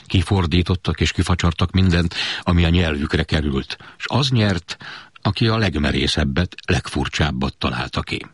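Deep husky male memoir narrator. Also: no echo, clean studio sound.

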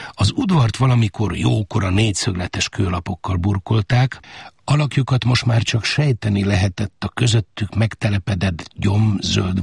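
Deep raspy guy reading a novel, slow and quiet, dry close sound. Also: no room sound. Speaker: narrator. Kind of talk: literary audiobook reading.

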